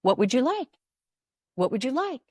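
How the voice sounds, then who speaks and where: A bright, agreeable drive-thru order voice, as a woman puts it on in a dry, close recording. It lilts up and down as it keeps taking the order cheerfully and repetitively. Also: high-pitched, very animated, normal speed, dry recording, voice pushed up.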